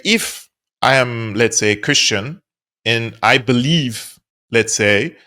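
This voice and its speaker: A man's voice: medium pitch, sharp tone. Earnest man from Syria explaining. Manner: earnest, explanatory, repeats points for emphasis. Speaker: political analyst guest. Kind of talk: interview answers.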